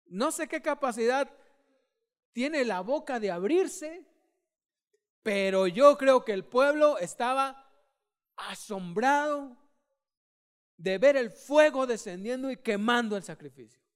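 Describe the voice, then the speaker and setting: A man preaching a sermon, dramatic, swinging from hushed storytelling to shouts and urging the congregation to join in. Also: very high-pitched, animated, slow pace, long pauses, clear, resonant tone.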